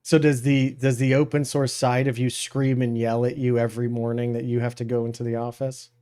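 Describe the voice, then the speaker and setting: Host, male, smooth resonant voice, relaxed, quick to laugh. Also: medium pitch. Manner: chuckles often, relaxed. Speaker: podcast host. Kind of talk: casual interview chat.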